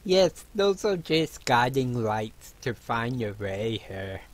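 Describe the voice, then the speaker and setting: A man's voice: medium pitch, big pitch swings, slow. A man voicing a friendly male dwarf innkeeper who brews his own mead and calls his guests lad.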